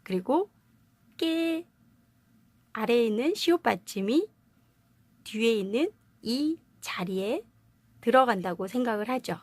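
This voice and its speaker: A woman's voice: fairly high pitch, animated, measured pace, long pauses, dry recording. A woman teaching language pronunciation in a video lesson, explaining patiently and asking her viewers rhetorical questions.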